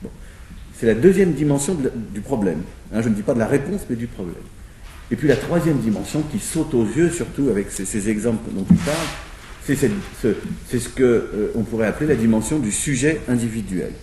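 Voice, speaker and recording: A male sociologist who lays out his argument aloud, pausing and restarting as he thinks it through. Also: medium pitch, animated, echoey room, recorded from a distance, background noise. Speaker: sociologist in a discussion. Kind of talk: spoken lecture-style argument.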